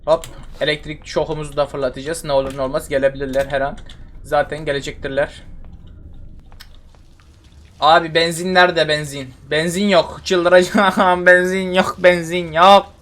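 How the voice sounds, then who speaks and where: A man's voice: fairly high pitch, steady tone, moderate pace, pauses often, fairly bright tone. Exasperated young man commentating gameplay. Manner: exasperated, repeats himself, mutters and swears. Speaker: gamer streaming a horror game.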